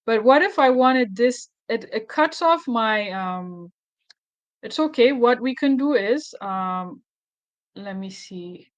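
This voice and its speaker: A woman's voice: on the high side, expressive, slow, no room sound, lo-fi sound. A woman hosting a casual screen tutorial, thinking aloud with fillers and self-corrections. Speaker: tutorial host.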